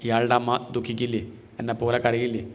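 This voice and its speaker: A man's voice: mid-range voice, monotone, quick pace, big-room sound, voice pushed down, natural voice. A man voicing a grieving, merciful queen who pleads for her sons' killer to be spared. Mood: pleading. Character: grieving noble queen, mother of slain sons, merciful.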